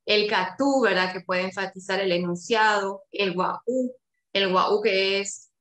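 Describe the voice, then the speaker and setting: A woman's voice: mid-range voice, measured pace, fairly bright tone, echoey room. A woman with a Paraguayan Spanish accent giving an academic seminar talk, explaining with many tag questions and fillers over a video call. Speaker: linguistics researcher.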